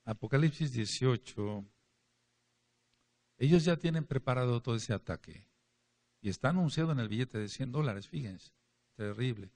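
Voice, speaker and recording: A man's voice: mid-range voice, animated, moderate pace, pauses often, darkish tone. A man preaching a Bible study to a congregation, emphatic, repeating key words and speaking to his listeners directly. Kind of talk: sermon-style Bible teaching.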